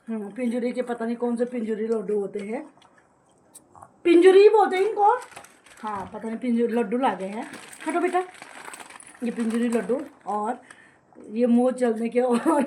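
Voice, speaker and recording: A woman's voice: fairly high pitch, dark tone, slight background noise, poor audio. A young woman, vlogging her daily routine at home in a chatty way and often laughing as she talks. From hill region of north India. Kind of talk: casual daily-routine vlog. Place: at home, indoors and outside in the sun.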